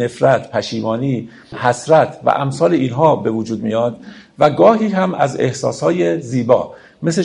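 A man's voice: medium pitch, creaky, darkish tone. A man giving a lecture on classical poetry, explaining verses and addressing his listeners as friends.

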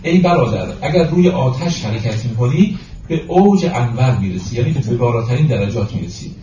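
A man with a mellow, dark voice gives a lecture on classical poetry, chanting verses slowly and then explaining them. He sounds distant from the mic in a roomy space, and the recording is dull and muffled with faint background noise. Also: mid-range voice, lively intonation. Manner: addresses listeners as friends.

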